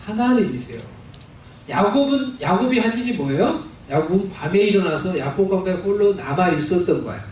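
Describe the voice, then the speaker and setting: A man's voice: high voice, expressive, moderate pace, a little mellow, slight background noise. A male pastor preaching a sermon in a church, asking the congregation questions and acting out quoted lines. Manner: preaching with call-and-response questions and dramatized quotes. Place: church sanctuary. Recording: very echoey hall, voice from a distance.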